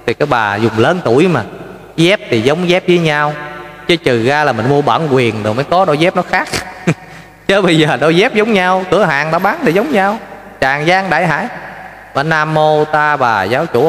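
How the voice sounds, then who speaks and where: A man giving a folksy lay Buddhist sermon, telling stories with lively rhetorical questions to his listeners. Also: on the high side, a little hiss or hum. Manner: animated storytelling, addresses listeners directly, rhetorical questions. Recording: roomy with long reverb.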